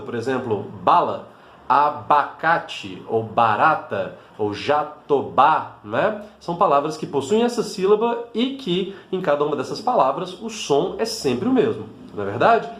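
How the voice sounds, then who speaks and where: A man's voice: high-pitched, roomy sound. A Brazilian man, a language teacher, explaining patiently to camera and checking in often with his listeners. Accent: Brazilian Portuguese. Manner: patient, with frequent fillers and check-ins like "né?".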